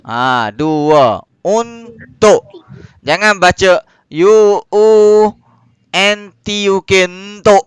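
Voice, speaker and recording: A Malaysian man teaching young pupils over a video call, patient and questioning, reading slowly. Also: a little high, expressive, a bit bright, smooth, no room sound. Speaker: primary school teacher. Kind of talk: online class lesson.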